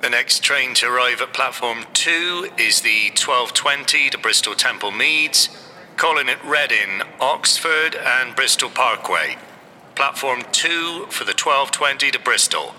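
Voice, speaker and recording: A man's voice: medium pitch, lively intonation, sharp tone. Man making a train station announcement. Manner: measured, formal announcing. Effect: station public address announcement. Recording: long reverb, faint background noise.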